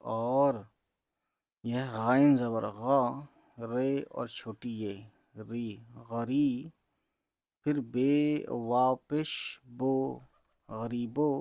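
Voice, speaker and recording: A man with a mid-range, steady, dark-toned voice helps beginners learn to read Urdu. On a dry recording, he spells each word out letter by letter at a slow, patient pace, treating viewers as friends.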